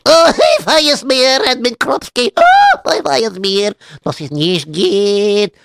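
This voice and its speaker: A man voicing an excitable, gossiping male villager, repeating words frantically. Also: very high-pitched, slow, vocal fry, noisy background, pitched above the performer's own voice, heavily acted. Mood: frantic.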